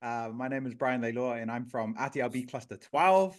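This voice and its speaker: A man's voice: medium pitch, expressive, a little fast. A man co-hosting a casual interview, asking the guest questions in a friendly, curious way. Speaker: podcast co-host.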